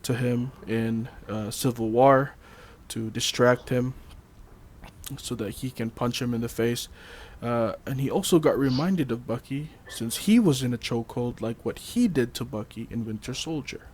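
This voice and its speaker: A man's voice: medium pitch, normal speed, a little mellow. Laid-back man chatting about movies. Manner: loose, laughing, uses fillers and swears. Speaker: podcast host. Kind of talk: casual movie-trivia chat.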